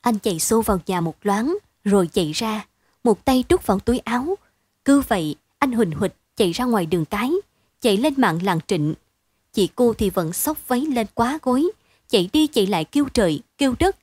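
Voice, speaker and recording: A woman reading a story aloud in a steady, expressive bedtime storytelling manner. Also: mid-range voice, a little fast, husky, no echo. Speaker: narrator.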